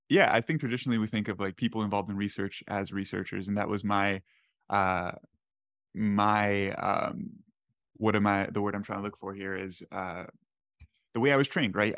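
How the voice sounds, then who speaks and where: Fast-talking man with a low voice. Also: a bit bright, dry recording, studio quality. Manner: quick, searching for words mid-sentence. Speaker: podcast host. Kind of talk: casual interview chat. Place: small room at home. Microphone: desk studio mic.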